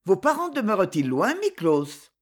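A woman voicing a kind young noblewoman who speaks softly but firmly. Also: medium pitch, huge pitch swings, moderate pace, slightly rough. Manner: soft, reassuring, resolute.

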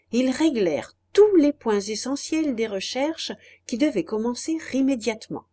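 A woman narrating a classic novel as an audiobook, measured and expressive. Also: on the high side, slightly rough.

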